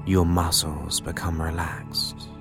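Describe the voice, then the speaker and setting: A man leading a guided relaxation, speaking soothingly in measured phrases with long pauses over new-age music. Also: low voice, little pitch movement. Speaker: guided meditation leader. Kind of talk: guided relaxation hypnosis narration.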